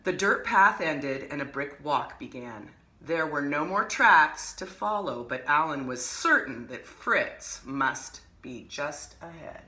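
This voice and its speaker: A woman hosting an art lesson, reading a picture book aloud with expressive, animated storytelling and casual asides. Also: sits low, slow, few pauses, echoey room. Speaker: art teacher and host.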